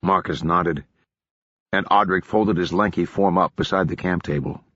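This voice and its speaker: A man narrating a fantasy audiobook in measured scripted storytelling. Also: low voice, fairly bright tone, dry recording, muffled recording.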